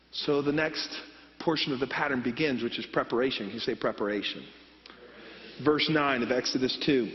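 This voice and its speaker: Pastor, man, high voice, storytelling sermon; dull, reverberant hall sound. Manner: storytelling, acts out voices of himself and his mom. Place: church sanctuary.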